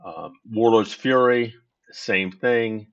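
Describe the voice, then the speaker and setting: In a relaxed screen-recorded walkthrough, a man with a lowish voice explains his game setup one step at a time. As a tutorial host, he takes his time and frequently corrects himself; the sound is dull.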